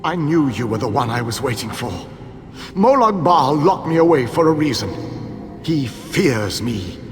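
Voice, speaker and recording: An actor playing a proud, ancient imprisoned elven king in a fantasy game, speaking with grandiose self-assurance and theatrical pauses. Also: mid-range voice. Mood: confident, defiant. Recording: long hall reverb, music underneath.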